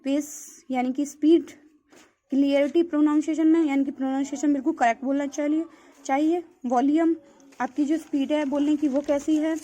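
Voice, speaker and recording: A high-pitched woman teacher speaks a little fast with fairly even intonation and a dark tone, with slight background noise, as she explains a textbook in a Hindi classroom lecture. She blends English terms into her Hindi, calls students "beta," and repeats "theek hai."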